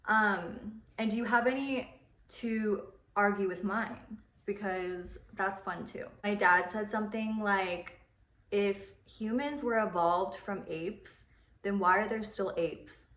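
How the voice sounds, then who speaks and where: Young female beauty vlogger, mid-pitch, chatty and rambling, slightly echoey room. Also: fairly even intonation, takes it slowly, fairly bright tone. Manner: rambling, chatty, swears casually. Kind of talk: casual chat while doing makeup. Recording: roomy echo.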